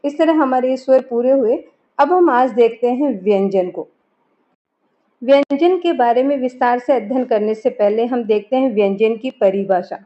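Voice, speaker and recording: A woman's voice: a little high, moderate pace, warm tone. A woman teaching a grammar lesson, explaining step by step and asking and answering her own questions. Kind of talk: classroom lesson. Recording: dull lo-fi recording.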